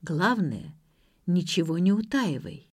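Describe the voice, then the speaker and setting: A woman's voice: fairly low pitch, sing-song, takes it slowly, darkish tone, breathy edge, dry recording, studio quality, heavily acted. A woman voicing a cold, demanding man speaking on the phone, curt and commanding.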